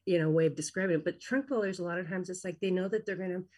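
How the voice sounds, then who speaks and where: A husky woman in her fifties talks in an easy conversational way. Her voice sits on the lower side. She tells lively stories and slips into the voices of the people she quotes. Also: rapid-fire. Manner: animated storyteller, acts out quoted voices. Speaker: guest, coach for women in transition. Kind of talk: casual conversation.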